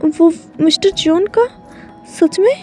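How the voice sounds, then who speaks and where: Woman playing an eager parent, agreeable, high pitch. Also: slow, darkish tone, faint music behind. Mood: delighted. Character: delighted parent, welcoming a marriage offer.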